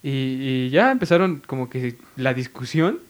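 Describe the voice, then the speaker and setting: A man's voice: mid-range voice, sing-song, unhurried. A young man with a Mexican accent, a podcast co-host telling a family anecdote in casual chat, laughing as he goes.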